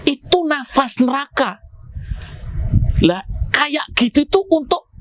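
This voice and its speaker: A male preacher giving a storytelling sermon to a congregation, with wide swings in pitch for emphasis. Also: lively intonation, takes it slowly, fairly bright tone, no room sound.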